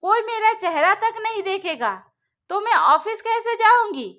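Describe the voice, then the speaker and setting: A woman voicing a young, outspoken newlywed wife who argues calmly and firmly in a storybook. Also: very high-pitched, measured pace, pitched above the performer's own voice, exaggerated voice. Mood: upset. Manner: calmly reasoning, firm.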